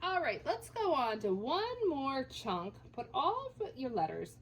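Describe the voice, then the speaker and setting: A woman teacher leading a children's phonics lesson, sounding out letters slowly and encouragingly. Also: sits high, wildly swooping pitch, slight background noise.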